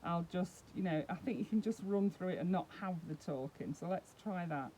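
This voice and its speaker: A woman's voice: fairly low pitch, a little fast, noisy background. Chatty woman demonstrating a doll. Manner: chatty, explains step by step while handling the doll. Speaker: doll collector vlogger. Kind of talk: casual unboxing demonstration.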